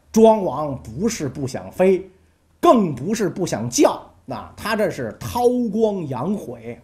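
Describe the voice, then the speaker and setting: Lady telling old history stories, super lively swings, warm low voice, chatty. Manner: chatty, colloquial, asks the listener. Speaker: storyteller. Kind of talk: casual history storytelling.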